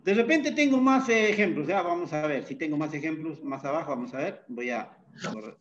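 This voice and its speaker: A man teaching a Bible Hebrew class, unhurried, often pausing with fillers and checking in with tag questions. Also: fairly high pitch, animated, dull audio. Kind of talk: classroom lecture.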